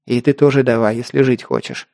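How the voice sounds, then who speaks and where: A man reading an audiobook voicing a gruff, short-tempered mercenary who barks orders and swears. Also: medium pitch, very animated, brisk, darkish tone. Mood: commanding.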